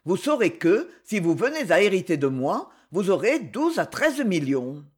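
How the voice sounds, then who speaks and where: A man's voice: high voice, moderate pace, slightly rough, exaggerated voice. A man voicing a mischievous, jovial old general in an audiobook. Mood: gleeful. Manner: lively, jovial, laughing delivery.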